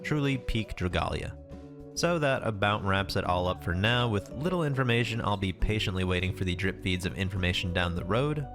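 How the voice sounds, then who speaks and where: Low-voiced man, casual game commentary over music. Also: animated, brisk, few pauses. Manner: informal, wry, swears casually. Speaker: YouTube game preview host. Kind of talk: casual scripted video commentary. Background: music behind the voice.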